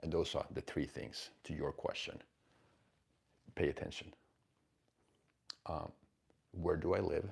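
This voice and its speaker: A man in his forties talks live to his viewers with a very low, gravelly voice. His tone is rough and husky, and he coaches bluntly and emphatically, swearing now and then. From Finland. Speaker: host of a live stream. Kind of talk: casual live-stream talk answering chat questions.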